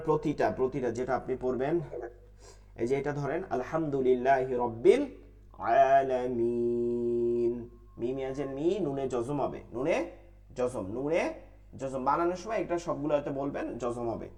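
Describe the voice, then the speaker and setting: প্রশ্ন করে নিজেই উত্তর দেওয়া পুরুষ কুরআন শিক্ষক. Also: male voice, medium pitch, expressive, fairly quick, darkish tone. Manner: asks questions and answers them himself, repeats rules in a drill. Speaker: Quran recitation teacher. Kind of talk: online tajweed class.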